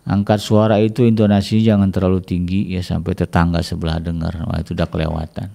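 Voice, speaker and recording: A man giving casual religious advice on family life, chatty, with many small "ya" tags and lively acted-out complaints. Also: low voice, fast talker, vocal fry. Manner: chatty, peppers speech with "ya", acts out quoted complaints in a raised voice. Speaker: Islamic family speaker.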